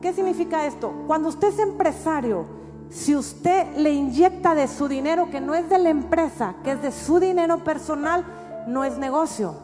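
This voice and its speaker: A middle-aged woman pastor with a Mexican accent, telling a testimony in a sermon with animated storytelling that rises at times to shouts. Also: high-pitched, normal speed. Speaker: pastor and prophet. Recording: reverberant hall with faint music.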